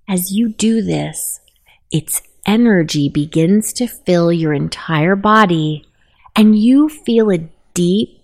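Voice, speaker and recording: A woman narrating a guided meditation, giving gentle, unhurried instructions. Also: fairly low pitch.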